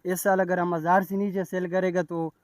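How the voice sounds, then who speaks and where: A man with a Pakistani accent talks at length from his clothing stall, explaining how things have changed. His voice sits a little high, recorded dry and close. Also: little pitch movement, moderate pace, dry recording. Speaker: jacket stall owner. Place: outdoor street market.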